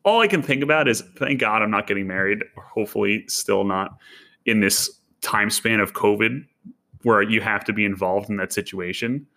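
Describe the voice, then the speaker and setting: Young male podcast co-host, slangy and animated, voice a bit low. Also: moderate pace. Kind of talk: casual chat.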